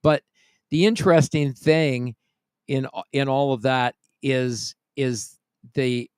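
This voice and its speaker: A man's voice: mid-range voice, slow, a little mellow, clear, resonant tone, no room sound. A man hosting a casual podcast chat, reading out listener comments and chuckling often, close to the mic. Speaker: podcast host.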